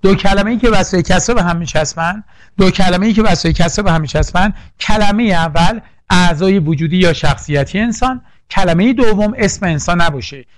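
Guy teaching poetry for an exam, repeats everything, asks the class stuff, kinda high voice. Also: no room sound. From Iran. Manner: drilling, repeats lists and asks the class questions. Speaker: literature teacher. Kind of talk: exam-prep poetry lesson.

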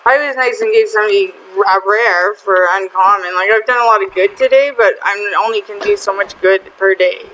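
A woman hosting a casual gaming video, chatty and excitable, often exasperated with other players. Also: mid-range voice, brisk, few pauses, a little hiss or hum, rough recording. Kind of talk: casual gameplay commentary.

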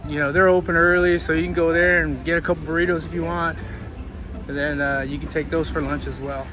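Relaxed man filming a sunny outdoor tour. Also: fairly high pitch, noisy background. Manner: relaxed, rambling, many fillers and restarts. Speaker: travel vlogger. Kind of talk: casual walking tour narration. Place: outdoors by the sea, streets and hotel balcony. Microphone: handheld camera at arm's length.

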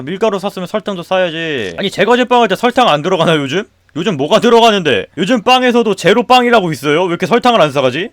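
A man commentating his own game play, loudly mock-scolding the customers, then muttering to himself. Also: high voice, no room sound, studio quality. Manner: excitable, swings from loud outbursts to muttering. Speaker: gaming streamer.

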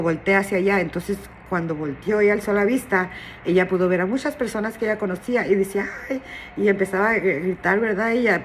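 A woman gently telling a spiritual story in casual talk, often adding "¿verdad?". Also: mid-range voice, slight background noise. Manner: gentle and tender, with many "¿verdad?" tags and restarts.

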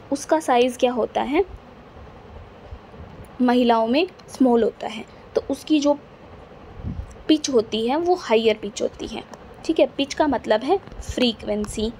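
Lady teaching physics, keeps checking if u got it, kinda high pitched but warm. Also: a little hiss or hum. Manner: repetitive, patient, checks understanding often. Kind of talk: classroom lecture explaining to students.

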